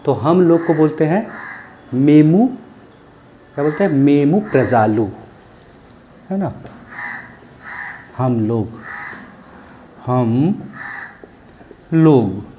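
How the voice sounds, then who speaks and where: A man giving a language lesson, slowly repeating each word and asking and answering his own questions. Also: on the high side, dull audio, slight background noise. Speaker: language teacher.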